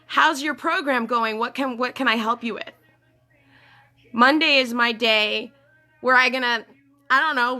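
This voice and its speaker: On a livestream captured by phone or webcam, a life coach speaks to her followers in a casual, earnest way, repeating phrases, using many fillers, and checking in with "okay?" again and again. Her slightly high voice has a bright, forceful tone.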